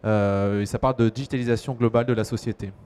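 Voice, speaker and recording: A man introducing himself on a panel in a brisk, light way. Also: on the low side, fairly even intonation, a little mellow, clear, resonant tone. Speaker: panelist, author.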